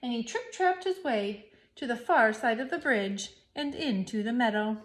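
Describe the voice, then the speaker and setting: Brief: woman storyteller, slightly high voice, playful expressive read-aloud for kids. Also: normal speed, slight background noise.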